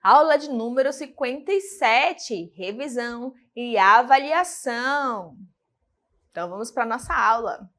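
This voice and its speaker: A woman's voice: a little high, animated, unhurried, a bit bright. A woman from Brazil, a teacher giving a recorded Portuguese lesson, who asks her students questions and answers them herself.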